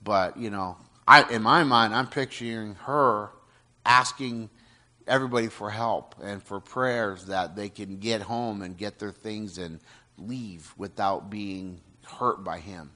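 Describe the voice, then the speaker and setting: A man earnestly retelling someone's life story in casual speech, halting with frequent restarts. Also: fairly low pitch, pushed and bright. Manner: earnest, halting, many restarts and "you know".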